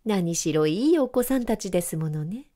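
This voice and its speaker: A woman's voice: lowish voice, lively intonation, moderate pace, warm tone, natural voice. A woman voicing a sly, whining, two-faced cat in a storybook reading. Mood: sugary. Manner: whining, falsely sweet.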